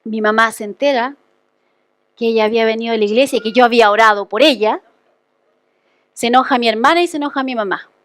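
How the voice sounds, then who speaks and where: A woman's voice: on the high side, fast talker, pauses often, fairly bright tone, no echo. A woman pastor giving a conversational testimony sermon, telling a personal story and often checking in with the congregation.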